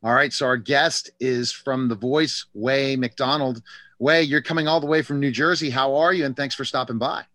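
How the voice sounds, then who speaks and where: A man's voice: medium pitch, steady tone, moderate pace, bright, forceful tone, dry recording. A man hosting a radio interview show in a conversational, chatty style.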